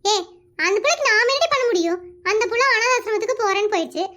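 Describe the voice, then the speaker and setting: A performer voicing a blunt, gossipy older village woman in an animated comedy, talking brusquely and scolding. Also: extremely high pitch, fast talker, full character voice.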